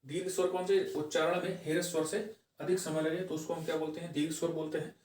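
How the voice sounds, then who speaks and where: A man teaching grammar for exam prep, posing questions and answering them himself, repeating key phrases slowly and tagging lines with "okay". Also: a little high, flat delivery, darkish tone. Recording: echoey room, voice from far off the mic.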